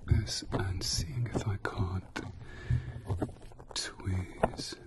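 A middle-aged man plays a calm doctor in an ASMR ear cleaning whispered role-play. His low voice drifts between soft murmur and breathy whisper, very close to the mic. He is gentle and reassuring, leaving slow pauses between phrases. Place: small indoor space with fabric backdrop. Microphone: close-up microphone, moving from side to side.

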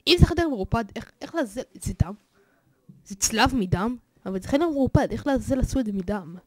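A man hosting a horror game let's play, excitable and jokey, swearing often and yelling at the scares. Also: very high voice, no echo. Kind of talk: gaming commentary.

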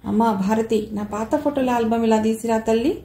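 A woman reading the part of a kindly, nostalgic elderly man who speaks fondly and gently, in a roomy-sounding recording. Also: on the high side, normal speed, close to an everyday voice. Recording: roomy echo.

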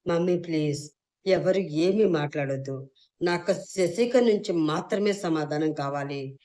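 A woman voicing a furious young man who shouts stern demands in an audio story. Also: deep voice, unhurried. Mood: angry.

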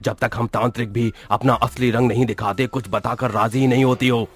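Man doing a stern cartoon sorcerer, commanding, scornful, mid-pitched. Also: steady tone, a little fast, close to an everyday voice.

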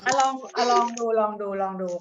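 A woman teacher giving a dictation lesson to children, repeating each word slowly and syllable by syllable, with a coaxing, affectionate manner. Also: fairly high pitch, lo-fi sound, background noise. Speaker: primary school teacher.

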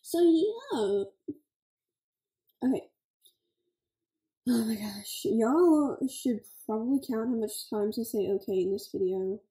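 Chatty woman with a dark, mellow tone. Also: on the high side, a little slow, echoey room, low-quality recording. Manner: chatty, scattered, fillers like "like" and "okay". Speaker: gaming channel host. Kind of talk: casual gameplay commentary.

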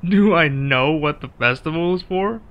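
In lo-fi sound, a man with a somewhat high voice acts out a one-sided ASMR roleplay as an easygoing, friendly werewolf local, speaking casually at a measured pace with pauses.

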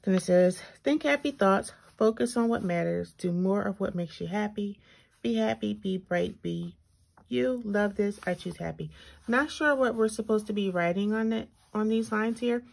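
A woman's voice: mid-range voice, moderate pace, creaky. A woman with braces slightly impeding her speech gives a casual, chatty walkthrough, thinking aloud and reading items out. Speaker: planner reviewer, video host. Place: indoors at a tabletop, hands-only overhead shot. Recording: noticeable background noise with clicks.

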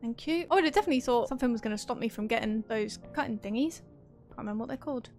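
A woman's voice: on the high side, racing, darkish tone. A woman talking to herself as she plays a horror game, jittery and joking, with game music playing behind her. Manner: jittery, talks to herself, jokey. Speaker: gaming streamer. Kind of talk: horror game let's-play commentary.

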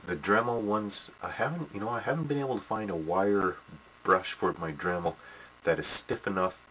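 A man's voice: fairly low pitch, normal speed, pushed and bright. A middle-aged man casually demonstrating a hobby model build in a small workshop, rambling with lots of fillers and "eh" tags. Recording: noisy home camcorder audio.

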